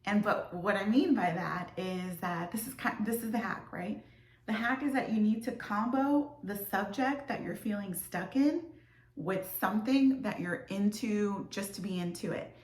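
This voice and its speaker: A woman's voice: medium pitch, unhurried. Chatty woman teacher in an echoey room. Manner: chatty, loose, with many fillers and restarts. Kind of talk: casual classroom talk to kids on video.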